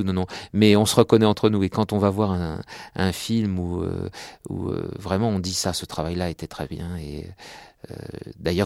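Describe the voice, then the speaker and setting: A man's voice: sits low, creaky, darkish tone, no echo, clean studio sound. A man, a dubbing actor, answering interview questions earnestly, with hesitations and repeated words.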